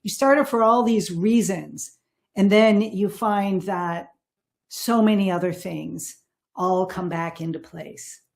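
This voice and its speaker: A woman's voice: medium pitch, takes it slowly, gravelly, darkish tone. A woman in her sixties, a podcast guest, talking earnestly and emphatically in a casual interview. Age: 60s. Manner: earnest and emphatic, repeating key words.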